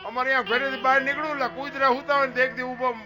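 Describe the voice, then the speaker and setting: Male folk storyteller, high and rustic, teases the crowd, music behind. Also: very fast. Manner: rustic, lively, teasing storyteller who asks the crowd questions. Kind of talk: humorous folk talk to an audience.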